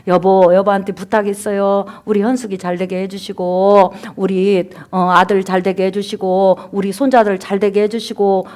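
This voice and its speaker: A woman pastor voicing an elderly widowed mother who softly and slowly prays to her late husband. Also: fairly low pitch, steady tone, pitched below the performer's own voice, natural voice. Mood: tender pleading. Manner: soft, slow and pleading.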